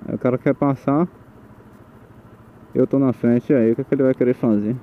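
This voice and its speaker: A man's voice: mid-range voice, fairly even intonation, fairly quick. A man gives a grumbling, swearing running commentary while riding a motorcycle at night. His voice comes through the gritty lo-fi sound of an old microphone hidden in his helmet. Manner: grumbling, swears about traffic. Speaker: motorcycle vlogger. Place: riding through city streets at night, outdoors. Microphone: old mic hidden in helmet. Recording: dull lo-fi helmet mic, loud traffic noise.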